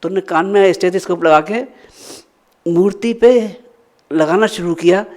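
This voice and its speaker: A woman's voice: on the low side, normal speed, darkish tone. A woman spiritual speaker telling a devotional story earnestly, repeating phrases for emphasis.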